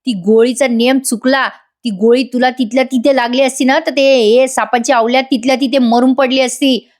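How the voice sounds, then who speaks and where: A woman's voice: sits high, steady tone, moderate pace, darkish tone, close to an everyday voice. A woman reading the lines of a tied-up man bitterly cursing his captor.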